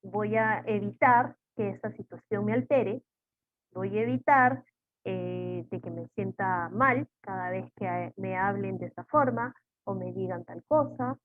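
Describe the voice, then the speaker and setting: A woman's voice: mid-range voice, measured pace, no room sound. A woman psychologist giving a webinar talk, teaching with strings of rhetorical questions. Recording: tinny phone-like call audio, dry.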